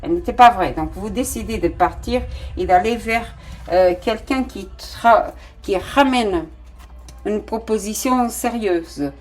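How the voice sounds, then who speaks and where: A woman's voice: mid-range voice, measured pace, faint music behind. A woman with a non-native French accent giving a casual tarot reading, talking straight to her viewers with many fillers and restarts. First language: not French. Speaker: tarot reader.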